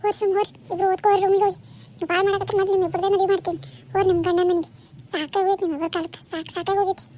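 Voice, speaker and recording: A nagging cartoon mother, played by a woman, scolds in rapid North Karnataka Kannada. Her voice sits very high and barely rises or falls, rattling along at speed. The tone stays soft and mellow. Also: little pitch movement, slight background noise. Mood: scolding. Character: scolding mother of two grown daughters. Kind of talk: cartoon voice acting.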